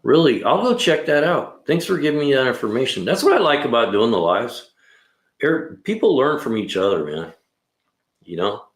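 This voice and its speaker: A mechanic in his sixties hosts a relaxed livestream from his garage, the echoey room coloring his medium-pitched, sing-song voice. He chats at a normal pace, rambling easily and saying "man" and "you know" a lot.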